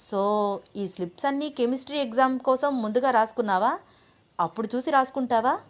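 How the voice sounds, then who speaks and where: A woman's voice: on the high side, a little fast, close to an everyday voice. Woman voicing a stern young lecturer husband. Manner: scolding, firm.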